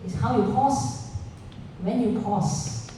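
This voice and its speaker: A woman running a pitching workshop, talking live to founders and asking the audience questions, dropping local particles like lah. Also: takes it slowly, mellow. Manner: interactive, asks the audience questions. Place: large indoor room with an audience. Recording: echoey room picked up from far off, faint noise.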